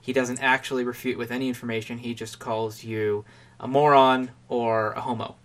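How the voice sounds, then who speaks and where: Man, podcast host, casual chat, reads listener mail, animated. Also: medium pitch, moderate pace.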